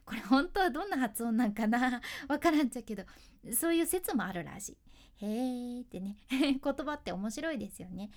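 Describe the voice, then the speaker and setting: Woman, a former announcer doing a relaxed solo chat, slightly high voice, chatty and easily amused. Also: normal speed. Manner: chatty, laughs often, asks listeners questions. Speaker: freelance announcer and speaking coach.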